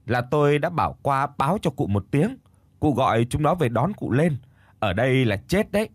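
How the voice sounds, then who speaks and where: A man voicing a bustling old village woman who shouts urgently to a half-deaf neighbor. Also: mid-range voice, lively intonation, dry recording, natural voice. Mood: urgent, shouting. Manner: shouting slowly into a deaf ear. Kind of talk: storytelling.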